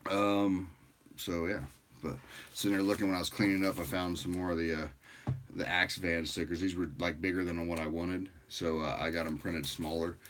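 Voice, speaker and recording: A man with a very deep voice hosts a casual livestream and chats with viewers. He sounds tired and rambles in a loose, easygoing way, with plenty of fillers. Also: moderate pace, slight background noise. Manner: rambling and relaxed, with frequent fillers and laughs. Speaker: livestream host.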